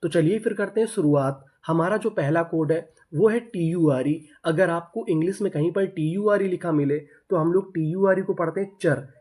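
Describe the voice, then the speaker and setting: A male teacher works through English words one letter group at a time, sounding out each piece and then the whole word. He quizzes the listener and answers himself in an even, patient teaching voice. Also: fairly high pitch, normal speed, hardly any pauses, slightly rough. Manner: spells words letter by letter, asks and answers own questions. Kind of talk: spelling-out reading lesson.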